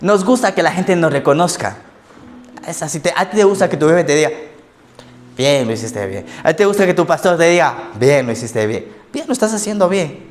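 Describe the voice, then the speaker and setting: A man's voice: high-pitched, quick pace, a little hiss or hum. A man preaching a sermon as pastor of a church, telling stories about himself with humor. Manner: storytelling with self-mocking anecdotes and laughter. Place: church service.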